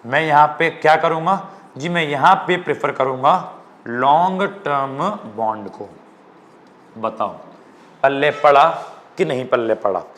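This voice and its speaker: A man's voice: mid-range voice, unhurried, long pauses, fairly bright tone. A young man from India teaching an economics lecture in an informal classroom style, often checking whether students follow.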